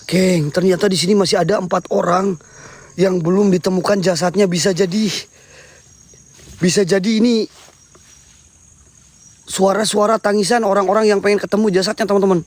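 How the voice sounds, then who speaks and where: A man's voice: high-pitched, steady tone, moderate pace, pauses often. A man hosting a night ghost-hunting vlog outdoors, nervously addressing viewers and repeating himself. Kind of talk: excited live night exploration commentary. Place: outdoors at night in a rural area.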